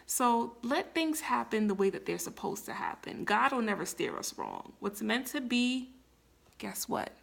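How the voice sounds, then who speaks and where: Gravelly-voiced woman giving chatty advice. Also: mid-range voice, fairly bright tone. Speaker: vlogger. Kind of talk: casual talk to camera.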